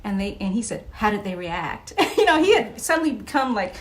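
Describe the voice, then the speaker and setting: A woman who is an author appears as a podcast guest, telling stories in a relaxed interview. She's animated, laughs a lot and uses plenty of fillers, speaking a bit fast at a medium pitch.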